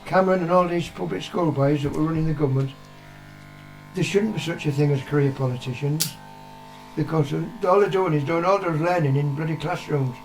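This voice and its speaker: Here the vlogger's father, an older man from the UK, speaks a little fast in a slightly high voice over soft background music. Plain-spoken and blunt, he swears and says things twice to drive his views home in casual chat. The recording is rough.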